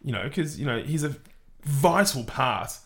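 A man's voice: mid-range voice, lively intonation, unhurried, a bit bright. A man with an Australian accent co-hosting a casual football podcast, informal and given to repeating himself for emphasis. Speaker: podcast co-host. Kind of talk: casual football analysis chat.

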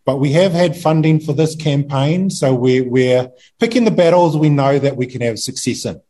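A man with a New Zealand accent, a campaigner guest speaking in a halting way with many fillers. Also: medium pitch, animated, warm tone. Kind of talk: casual interview.

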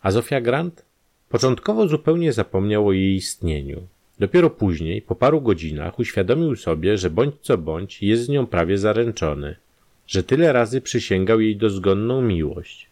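A man reading a crime story as its narrator, in measured, scripted storytelling. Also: lowish voice, very animated, darkish tone.

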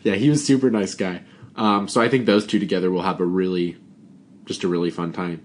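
A man's voice: low-pitched, fairly even intonation, a little fast, a little hiss or hum. A man co-hosting a podcast, rambling through a casual chat and laughing often. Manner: giggly, rambling. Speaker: podcast host.

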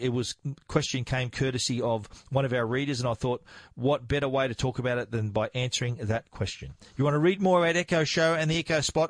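A man's voice: medium pitch, dry recording. Chatty Australian man, dry studio voice. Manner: chatty, lots of restarts and fillers. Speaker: podcast host. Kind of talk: casual podcast talk.

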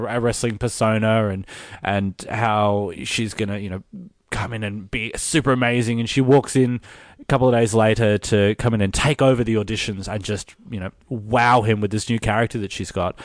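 A man's voice: on the low side, steady tone, a little fast, no room sound, clean studio sound. A man co-hosting a casual review podcast, retelling scenes with swearing and playful acted quotes. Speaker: co-host.

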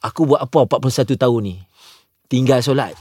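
A man with a Malaysian Malay accent chats on a podcast at an ordinary pitch. He tells stories animatedly and slips English words into his talk. The studio sound is close and dry. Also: fast talker, darkish tone, no echo. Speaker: co-host. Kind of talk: casual podcast chat.

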